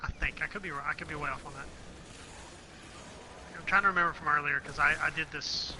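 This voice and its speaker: Fast-talking young man chatting over a game. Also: fairly high pitch, steady tone, pushed and bright. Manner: rambling, jokey, thinks aloud. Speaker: gamer. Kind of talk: casual gameplay chat. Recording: noisy home gaming recording.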